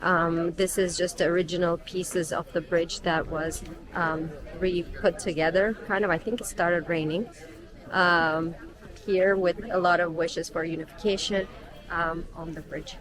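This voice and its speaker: On an outdoor guided tour in cold weather, a young woman films a travel vlog and chats to the camera, explaining things with frequent ums. Her voice is fairly low with a steady tone and a measured pace, and a crowd can be heard behind her.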